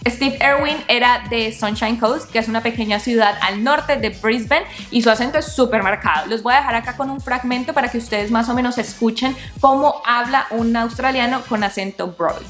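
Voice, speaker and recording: A young woman from Cali, Colombia, with a Colombian accent, hosting a casual explainer vlog in a lively, chatty way. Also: on the high side, normal speed, hardly any pauses, faint music behind. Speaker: vlog host teaching about accents.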